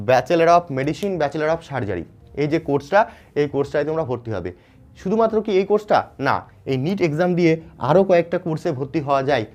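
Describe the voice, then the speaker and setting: A man's voice: on the high side, a little mellow. A man from West Bengal with a Bengali accent, teaching students in an informal explainer. He keeps checking in with them and often restarts his phrases. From West Bengal, India. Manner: informal, repeats "ঠিক আছে?" to check understanding, frequent fillers and restarts. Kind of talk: explainer lesson addressed to students.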